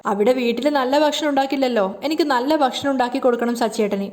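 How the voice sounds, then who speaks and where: A woman's voice: sits high, quick pace, darkish tone, lightly acted. A woman voicing a bold young married woman who teases and mocks with confidence. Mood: teasing. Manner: mocking, confident.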